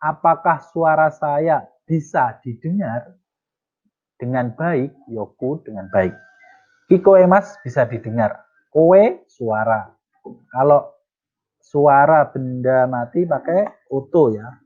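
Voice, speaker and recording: A man teaching Japanese in a casual lesson. He reads example sentences slowly, then translates and explains them. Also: mid-range voice, animated, a little mellow. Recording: tinny phone-like audio.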